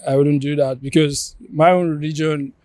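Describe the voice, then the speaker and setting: Hesitant man with a lightly raised pitch. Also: steady tone, normal speed, a little mellow, dry recording, studio quality. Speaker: street interviewee. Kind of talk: casual chat.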